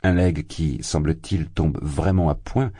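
A smug middle-aged suitor full of himself, his sneers wrapped in pompous turns of phrase, read by a man. The voice is deep, dark and husky. It stays close and dry. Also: a little slow, dry recording, heavily acted. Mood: sneering. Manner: mocking, pompous.

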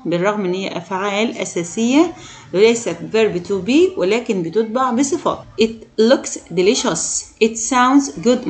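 A woman's voice: mid-range voice, a little mellow. Egyptian woman teaching English vocabulary. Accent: Egyptian Arabic. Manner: repeats words slowly, asks pupils questions. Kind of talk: classroom lesson explaining vocabulary.

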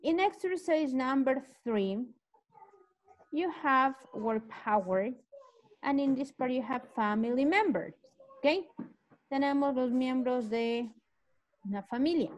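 A Spanish-accented woman teaching English over a video call, speaking slowly and deliberately. Her voice sits a little high, and she moves between the two languages, checking understanding as she goes. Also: lively intonation, highs cut off. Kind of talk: online class teaching.

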